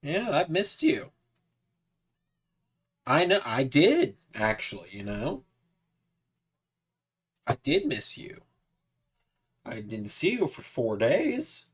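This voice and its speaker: A man's voice: medium pitch, huge pitch swings, takes it slowly, pauses often, husky. A man in his twenties chatting casually on a livestream, talking to his cat in a coaxing sing-song voice. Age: 20s. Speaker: streamer.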